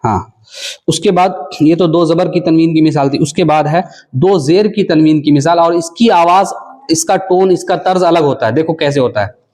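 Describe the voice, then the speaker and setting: In this recitation lesson from South Asia, a man with a darkish, fairly high-pitched voice leads a Quran reading class. He spells each syllable aloud and stretches it into a nasal, sing-song drawl.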